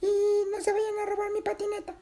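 A woman's voice: very high voice, monotone, fast talker, warm tone. A woman voicing a small playful storybook animal friend, chatting and joking inside a children's story. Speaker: co-narrator.

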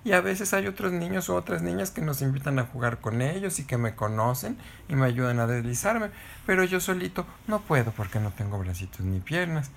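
A mom putting on a happy little talking stick dude, storybook voice, rambles on, a bit husky. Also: female voice, deep voice, animated, brisk, slight background noise, voice pushed up. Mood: eager. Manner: chatty, explaining at length. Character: cheerful male talking stick who loves sliding.

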